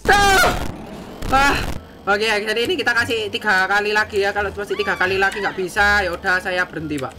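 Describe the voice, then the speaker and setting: Excitable lady gamer w javanese-y indonesian accent, yells and frets a lot, music going behind. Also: mid-range voice, fairly quick. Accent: Javanese-inflected Indonesian. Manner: excitable, shouts and frets, mixes in English slang. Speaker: gaming YouTuber. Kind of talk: gameplay commentary.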